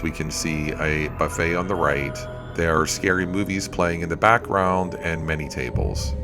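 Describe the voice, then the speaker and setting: A man narrating a food review vlog as a voice-over in a plain-spoken, itemizing way. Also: extremely low pitch. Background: music.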